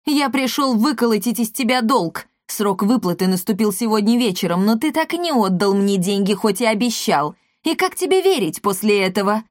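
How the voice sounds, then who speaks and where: A woman voicing an angry, greedy male cattle trader who shouts and blusters. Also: medium pitch, animated, moderate pace, few pauses, no echo, clean studio sound, natural voice. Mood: furious.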